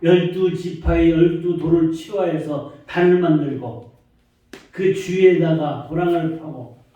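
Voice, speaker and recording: A man preaching a sermon as pastor, slow and emphatic, often rising into questions. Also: on the high side, mellow, muffled recording. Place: church sanctuary. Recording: echoey church hall, mic far off.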